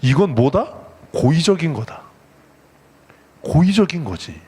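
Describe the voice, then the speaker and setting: A man preaching a lively, conversational sermon as pastor, teasing his congregation and acting out the voices in the story. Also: on the high side, measured pace, breathy edge. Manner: playful, teasing, acts out God's voice and the congregation. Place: church sanctuary.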